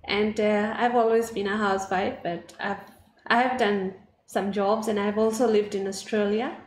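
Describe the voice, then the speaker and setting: A woman's voice: medium pitch, steady tone, moderate pace. A woman from Fiji, a guest in a studio interview, talking in short, simple sentences. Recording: echoey studio, faint noise.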